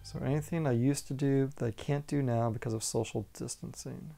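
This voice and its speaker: A man in his forties answering documentary interview questions, measured and thinking aloud. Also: medium pitch, steady tone, vocal fry, warm tone, soft background music. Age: 40s.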